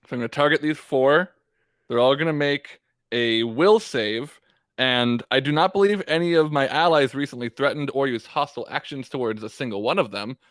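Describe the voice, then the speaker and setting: A man playing a tabletop game, explaining his moves casually and haltingly as he thinks aloud. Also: mid-range voice, fairly bright tone, clean tone, no room sound, studio quality.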